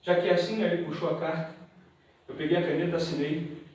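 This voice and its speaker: High-voiced Brazilian man, echoey church. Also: fast. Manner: lively storytelling, acting out dialogue. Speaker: church testimony speaker. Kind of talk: testimony before a congregation. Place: church hall. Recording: very echoey hall, mic far off.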